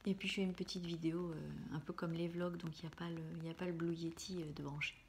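A woman hosting an ASMR channel chats casually and hesitantly in a soft, breathy, mostly unvoiced whisper, fairly low and level in tone yet fast. She records indoors in a small room at home, using only a camera close in front of her with no external or studio microphone, and faint hiss and clicks can be heard.

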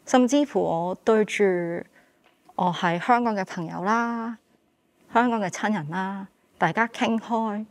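A woman from Hong Kong speaking with a Hong Kong Cantonese accent, giving unhurried, heartfelt testimony as an activist guest on a studio stage. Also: mid-range voice, no echo. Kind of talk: candid panel testimony.

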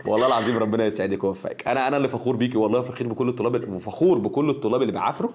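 A man's voice: mid-range voice, rapid-fire, a little mellow. A man with an Egyptian Arabic accent, a teacher chatting on the phone with students, effusive and full of blessings and jokes. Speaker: teacher hosting prize calls to students. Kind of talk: casual phone chat with students.

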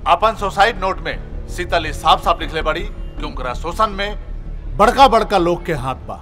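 A man's voice: high-pitched, moderate pace, pushed and bright. A man acting as a grave, insistent news reporter questioning a minister in a film, with a Bhojpuri accent and formal, pointed delivery. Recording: music behind the voice.

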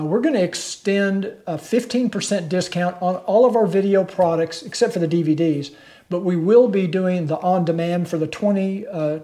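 This older motorcycle channel host talks directly to the camera from his living room, straightforward and persuasive, in a high, mellow voice.

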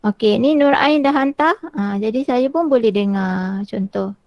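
A woman teacher, demonstrating a tool in an online workshop and filling pauses with "ah" over a video call. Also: on the high side, dry recording, dull audio. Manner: chatty, frequent "ah" fillers while walking through screens.

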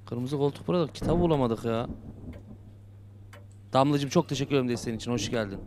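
A gaming YouTuber, a young man with a mid-range, slightly mellow voice, talks at a quick pace over a little hiss or hum. He mutters and jokes to himself through a horror game, yelping in fright at the jump scares.

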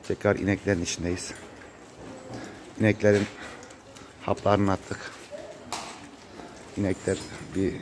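A man, his voice muffled and congested from a cold, talking casually to viewers as a farmer in a vlog. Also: low voice. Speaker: cattle farmer. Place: open-sided metal-roofed cattle barn. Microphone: handheld phone. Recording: noisy barn phone recording.

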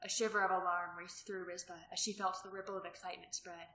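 A woman reading a novel aloud as narrator, steady and even. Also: on the low side, quick pace. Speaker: audiobook reader. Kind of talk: scripted narration. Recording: roomy echo.

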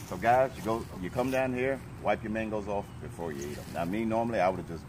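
A man's voice: lowish voice, fast. A man in his thirties talking casually to his viewers while touring a mango orchard outdoors, filmed on a phone held by someone else. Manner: chatty, enthusiastic, addresses viewers as guys. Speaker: gardening vlogger. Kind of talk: casual vlog talk to viewers. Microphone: phone camera held by another person. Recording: loud outdoor noise.

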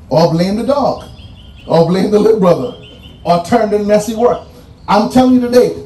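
A Bahamian man with a high, mellow voice gives a commencement address in a preacher's cadence, driving home numbered points and repeating phrases for emphasis. The mic is distant, the room roomy and echoing, with faint music in the background.

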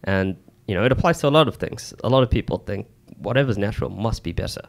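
A man explaining things informally and haltingly as a podcast co-host, close on a studio mic. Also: lowish voice, animated, gravelly. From New Zealand. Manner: halting, informal, peppered with "you know". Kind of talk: casual explanatory chat. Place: small indoor podcast studio. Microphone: close boom-arm studio mic with headset.

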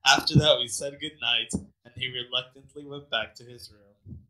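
A man's voice: medium pitch, fairly even intonation, normal speed, bright, forceful tone, low-quality recording. A young man reading a bad fanfic aloud to friends, wry and amused, stopping to comment and laugh. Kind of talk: dramatic read-aloud with commentary.

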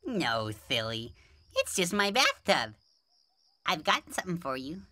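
High-pitched, excitable cucumber king. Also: unhurried, exaggerated voice. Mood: reassuring. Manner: dramatic, indignant, goofy. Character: selfish, childish, excitable male cucumber king. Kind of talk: cartoon musical storybook acting. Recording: loud music behind the voice. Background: loud children's music.

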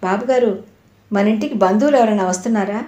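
A woman voicing an elderly male household servant who speaks in a gentle, respectful and amused way. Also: mid-range voice, quick pace, natural voice. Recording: roomy echo.

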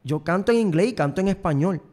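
A young man from Puerto Rico, a show host and singer, talks with a high, animated, slightly mellow voice at a quick pace. He delivers a rambling, repetitive, self-promoting comic monologue in a Puerto Rican accent. He's indoors on a studio set, close to a desk microphone and wearing headphones.

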